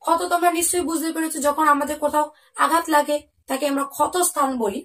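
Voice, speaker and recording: A woman teaching a Bengali lesson to young children. She asks the pupils questions and answers them herself, and says each example word slowly and clearly. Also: sits high, fairly even intonation, fairly bright tone, far from the mic.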